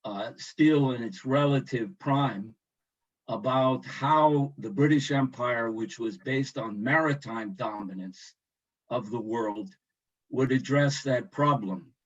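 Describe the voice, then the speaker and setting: Slow careful guy from the us, lots of uhs, middling pitch, muffled call audio. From United States. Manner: slow, measured, with many hesitations. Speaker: guest commenter. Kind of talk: online discussion remarks. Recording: dull lo-fi sound.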